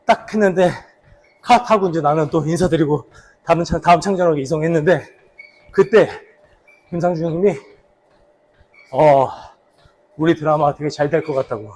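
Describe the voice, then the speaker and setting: A man with a slightly husky voice casually reminiscing for a vlog while out slow running. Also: fairly high pitch, a little mellow, slight background noise, poor audio. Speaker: actor, vlog host. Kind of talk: casual vlog reminiscing about a past drama role.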